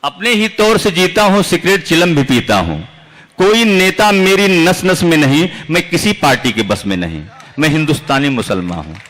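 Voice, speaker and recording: Reciting his own lighthearted and serious poetry at a large outdoor gathering, an Indian man declaims and repeats lines for effect. His voice is fairly high, a bit bright, and expressive, delivered at a normal speed.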